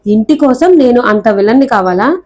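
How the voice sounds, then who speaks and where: A woman's voice: on the high side, lively intonation, moderate pace, darkish tone. A woman voicing a stubborn, fussy young man who complains and whines in a storybook reading. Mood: annoyed. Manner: whiny, complaining.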